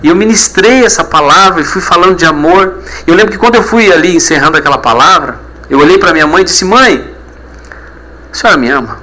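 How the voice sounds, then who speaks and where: A man's voice: high-pitched, fast, hardly any pauses, pushed and bright, poor audio. A man in his thirties, a pastor, giving an emotional personal testimony and often repeating himself.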